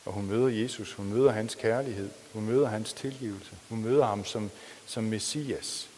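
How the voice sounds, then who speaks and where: A man preaching a sermon, reading a story aloud with feeling and then talking plainly with pauses and restarts. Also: fairly low pitch, darkish tone, a little hiss or hum. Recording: long reverb of a hall.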